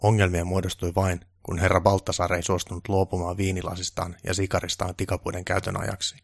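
A man reading a story aloud in calm, scripted narration. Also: deep voice, vocal fry, no echo, studio quality.

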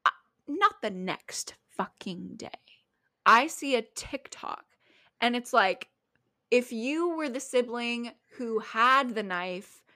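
A young woman co-hosting a casual podcast, telling stories in an animated, giggly way on a close mic. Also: on the high side. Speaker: podcast co-host. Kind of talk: casual chat.

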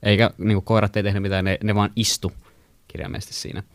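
Telling friends a long story in a relaxed, rambling way, this young man from Finland uses plenty of fillers and gets animated when quoting people. His voice is on the low side, and the recording is dry.

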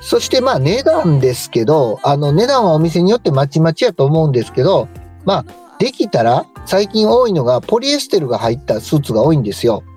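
A man's voice: a little high, sing-song, brisk, darkish tone, faint music behind. A man with a Kansai Japanese accent giving a polite, informal explanatory talk as a radio co-host and stylist. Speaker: co-host, stylist and tailor shop manager.

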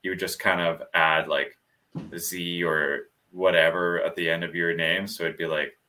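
Male co-host, low voice with a bright edge, casual and animated. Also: moderate pace. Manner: animated storyteller, laughs often. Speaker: podcast co-host. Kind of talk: casual chat.

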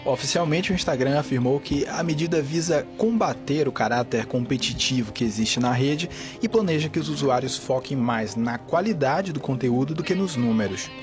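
A man's voice: mid-range voice, moderate pace. A man with a Bahian Brazilian accent co-hosting a podcast in a casual, chatty style. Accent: Bahian Brazilian Portuguese. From Salvador, Bahia, Brazil. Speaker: podcast co-host. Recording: loud background music under the voice. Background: background music.

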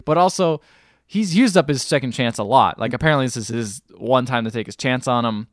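A man co-hosting a casual podcast, recapping a film in an animated, exasperated way. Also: medium pitch, a little fast, dry recording, clean studio sound. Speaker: podcast co-host.

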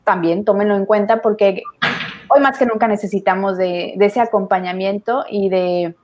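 A woman's voice: medium pitch, moderate pace, highs cut off. Chatty Mexican woman talk host. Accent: Mexican Spanish. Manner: expressive, emotional, chatty. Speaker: host of an online talk show. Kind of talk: live stream chat, reading comments.

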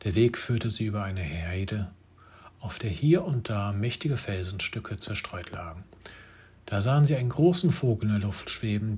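A man reads a fairy tale aloud in a lively storytelling voice. His voice is low and husky, and he stumbles now and then before carrying on. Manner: lively narration with occasional slips.

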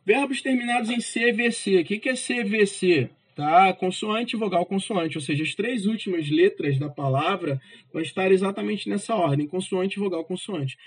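A man's voice: sits high, moderate pace, slightly rough, low-quality recording. A male English teacher giving a casual grammar lesson, ending almost every phrase with "tá?" and stressing syllables of English example words. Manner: casual, repeats "tá?" as a check after nearly every phrase.

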